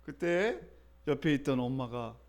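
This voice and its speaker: A man's voice: mid-range voice, animated, unhurried. A middle-aged man preaching a sermon as pastor, in a conversational way that keeps drawing the congregation in with questions. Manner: conversational, often asks the congregation for responses.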